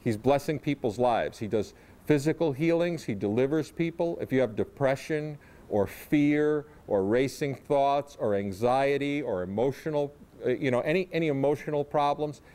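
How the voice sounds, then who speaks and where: A man's voice: mid-range voice, moderate pace, dark tone. A man enthusiastically urging people to come to the healing services. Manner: upbeat and urging. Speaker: church promoter.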